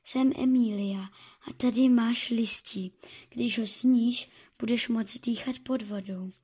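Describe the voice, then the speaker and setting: A gentle talking fish from a storybook, as a woman reads her lines. Her voice sits a little high and airy, with a breathy, half-whispered softness. She speaks kindly and calmly.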